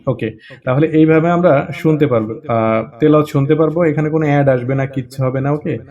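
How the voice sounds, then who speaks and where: A man's voice: a little high, a little fast, a little mellow, lo-fi sound. A man casually presenting an app tutorial, chatty, with frequent check-ins and hesitation fillers.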